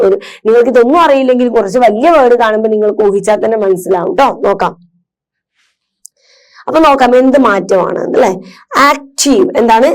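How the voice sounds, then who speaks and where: A woman's voice: on the high side, a little mellow. A woman teacher patiently explaining grammar to children, asking and answering her own questions. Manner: patient, asks and answers her own questions, mixes English terms into Malayalam.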